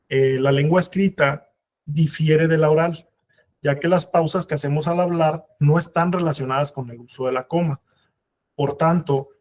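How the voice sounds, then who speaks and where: A man with a Mexican Spanish accent lectures on legal writing, his voice sitting a little high. He talks in a halting way, filling gaps with fillers and going back to restart his sentences as he explains. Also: darkish tone. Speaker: instructor. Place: training course room.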